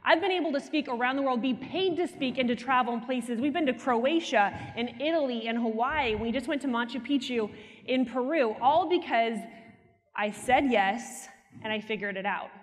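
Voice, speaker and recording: Animated young woman speaking on stage. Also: fairly high pitch, normal speed. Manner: animated, teasing the audience. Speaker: keynote speaker. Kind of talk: motivational keynote. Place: large conference stage. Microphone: headset mic. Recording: hall reverb from a conference stage.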